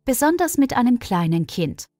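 A woman voicing a young pregnant village woman, quiet and resolute, in a storybook reading. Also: fairly high pitch, sing-song, normal speed, no room sound, studio quality, faint music behind, pitched above the performer's own voice. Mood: earnest.

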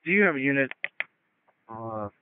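A man's voice: medium pitch, expressive, moderate pace, phone-quality sound, noisy background. A man speaking tersely and procedurally over a two-way radio as a fire battalion chief on scanner audio. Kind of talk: fire department radio dispatch traffic.

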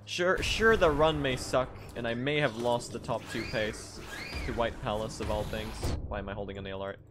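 A young man streaming a speedrun, talking to his chat in an excitable, pleading way. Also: medium pitch, normal speed, background noise. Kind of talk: live-streamed game commentary.

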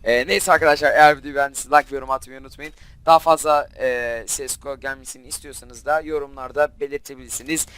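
A young man hosting a gaming channel, giving casual gameplay commentary and quickly flaring up in frustration. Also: mid-range voice, fairly even intonation, clear, resonant tone. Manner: frustrated, quick to flare up and shout at the game.

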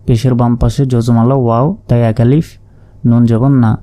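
A man with a Bangladeshi Bengali accent teaching Quran recitation, spelling out each word letter by letter in a slow, methodical way. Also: mid-range voice, flat delivery, dark tone.

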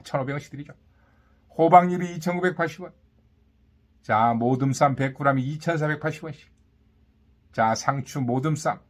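A male market vendor calls out produce and meat prices and specials in a hawking pitch. His patter is repetitive and punchy, built from short phrases and boastful catchphrases.

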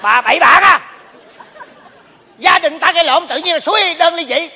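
A nosy gossiping neighbor, high and bright. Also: male voice, moderate pace, some chatter behind, a little hiss or hum, exaggerated voice. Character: nosy male temple neighbor spreading gossip. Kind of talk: live stage comedy sketch. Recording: stage hall with audience.

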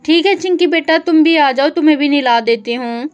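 This is a busy, caring village mother, as a woman voices her for a doll story. She talks in a coaxing, motherly way in a high, light voice, with soft music behind. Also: fairly quick, highs cut off, lightly acted. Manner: coaxing and motherly, fond pet names.

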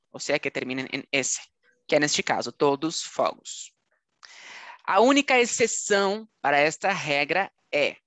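A Brazilian woman teaching an online language lesson with a Brazilian Portuguese accent, slowly demonstrating sounds letter by letter and often checking in. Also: lowish voice, fairly bright tone, no room sound. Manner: slow, drawn-out letter-by-letter demonstrations with frequent checking "Ok?".

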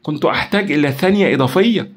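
A man's voice: fairly high pitch, very fast, pitched above the performer's own voice, close to an everyday voice. A man playing a female technical specialist in an audio drama, speaking urgently and with strain. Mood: tense.

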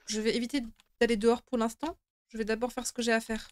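Fast and a little high, with a level, darkish tone and no echo, a young woman talks her way through a horror game stream in an indoor room at home. The let's play commentary is casual, jumpy, and peppered with grumbling and swearing, over game music and rain.

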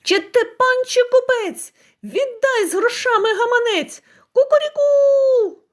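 A woman's voice: very high-pitched, measured pace, voice pushed up. A woman voicing a stubborn, defiant male rooster in a folk tale, chanting his demand in a crowing singsong. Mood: shrill demanding.

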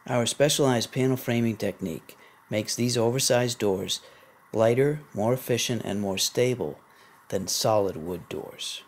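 A man reading a scripted promotional voice-over in an even, measured way. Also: mid-range voice. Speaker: narrator.

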